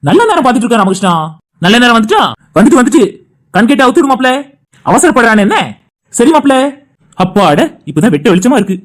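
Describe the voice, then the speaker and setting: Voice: medium pitch, fast, long pauses, close to an everyday voice. An actor voicing cheerful young men joking among friends. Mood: playful. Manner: lively, teasing banter. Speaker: cartoon voice actor. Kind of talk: animated family drama dialogue.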